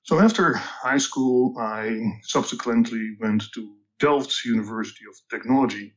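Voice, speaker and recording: A Dutch guest in his sixties, from the Netherlands, reflects on his career, speaking slowly and carefully at an average pitch. He's measured but hesitant, with many ums, frequent pauses and restarted sentences, and the recording sounds slightly dull and muffled.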